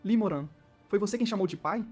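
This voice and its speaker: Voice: mid-range voice, fast talker, faint music behind, close to an everyday voice. A narrator voicing a proud, wounded young female rival who speaks bitterly through gritted teeth.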